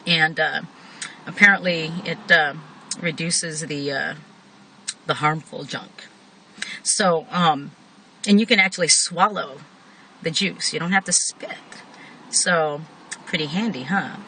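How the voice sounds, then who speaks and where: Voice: medium pitch, slow, long pauses, sharp tone, rough recording. A person giving a casual, rambling product review in a chatty way, talking with a tobacco pouch tucked in the upper lip. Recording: noticeable background noise.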